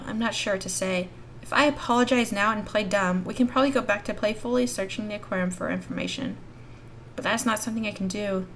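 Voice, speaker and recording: A woman with a medium-pitched, fairly bright voice expressively narrates a visual novel as the host of a YouTube gaming video. The audio quality is poor, with slight background noise.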